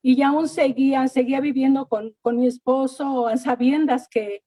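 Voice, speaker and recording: A woman's voice: high voice, steady tone, moderate pace, warm tone, dry recording. A middle-aged woman giving an earnest church testimony, often repeating words and thanking God. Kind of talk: personal faith testimony.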